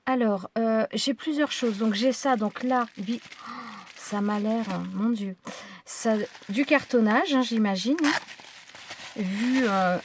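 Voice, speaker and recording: A woman's voice: a little high, slow, slight background noise. A woman with a French accent chatting casually while unboxing crafts, hesitant with many fillers and restarts. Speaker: crafting vlogger.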